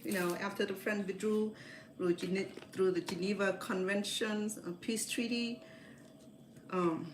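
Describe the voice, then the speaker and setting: In an echoey kitchen with clear background noise, a Cambodian home cook livestreams herself cooking, chatting casually, rambling, and correcting herself as she goes. She speaks unhurriedly in a steady, medium-pitched voice.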